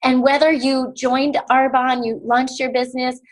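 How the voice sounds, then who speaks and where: A woman in her forties from the United States, guest speaking on a sales team call, gives a casual motivational talk in a bubbly, effusive way packed with fillers. Her voice is high and her delivery flat at a normal speed. The call audio is rough.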